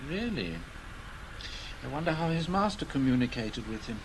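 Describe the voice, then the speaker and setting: Father Brown, animated inquisitive priest. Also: medium pitch, moderate pace, noisy background. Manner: polite, hesitant, questioning. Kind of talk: radio drama acting.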